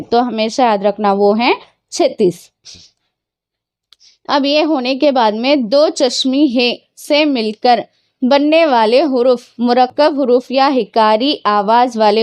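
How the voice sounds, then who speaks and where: Woman teacher, slightly high voice, patient question-and-answer grammar lesson, dry close sound. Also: a little mellow, no room sound. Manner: patient, asks questions and answers them herself; mixes English words into explanations. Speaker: Urdu teacher.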